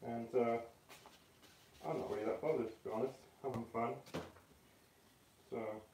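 A man teaching a casual art tutorial indoors, talking in a relaxed, offhand, self-deprecating way through a respirator mask that muffles his voice. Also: medium pitch, unhurried, noisy background. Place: indoor studio room. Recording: roomy, mic at a distance.

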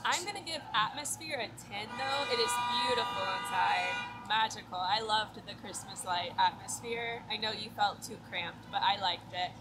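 A travel vlogger in her thirties, with a medium-pitched voice at normal speed and few pauses, chats casually while reviewing restaurants on camera, laughing often and rating frankly. She moves through busy city streets and restaurants, indoors and out, filmed on a handheld camera at arm's length. The rough recording has loud music plus heavy crowd chatter and traffic noise.

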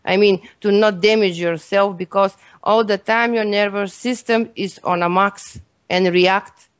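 A woman's voice: mid-range voice, fairly even intonation, measured pace, clear, resonant tone, dry recording. A Bulgarian woman, a guest health expert, earnestly explaining her views in English with non-native grammar and a Bulgarian accent. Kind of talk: interview answers.

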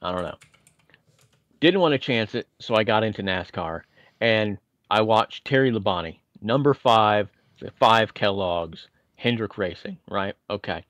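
A man's voice: fairly low pitch, expressive, unhurried, fairly bright tone, no echo, highs cut off. A man from Indiana, podcast co-host, telling chatty, winding stories with self-deprecating asides. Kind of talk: casual nostalgic storytelling.

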